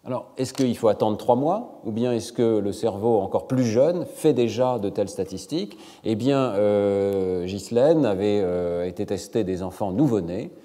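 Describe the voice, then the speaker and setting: Middle-aged male lecturer, measured and hesitant, deep mellow voice. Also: long reverb tail. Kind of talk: academic lecture. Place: large lecture hall.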